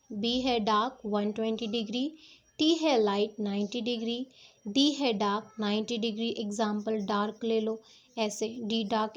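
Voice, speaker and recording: Woman, shorthand teacher, patient, step-by-step, slightly high voice. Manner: patient, repeats "ठीक है" to check understanding. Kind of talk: step-by-step classroom explanation.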